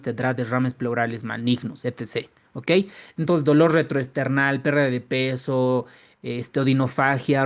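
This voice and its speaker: A man with a fairly high voice delivers an online medical exam-prep lecture, repeating key terms and adding quick checks for agreement to his lines. He's lively, with emphatic rises on the key terms.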